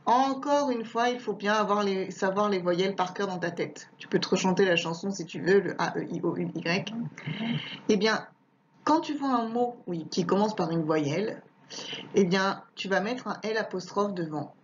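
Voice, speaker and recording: A woman teacher giving a home lesson to a young child, patient and slow, repeating words and spelling out letters one by one. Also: medium pitch, a little hiss or hum. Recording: dull lo-fi home recording.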